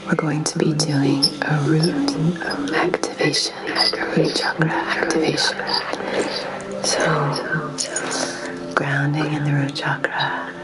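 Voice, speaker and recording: A woman whispering softly and soothingly as she guides a Reiki session. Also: low voice, little pitch movement, low-quality recording. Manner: soft, soothing, slow whisper. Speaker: Reiki practitioner. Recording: music playing behind.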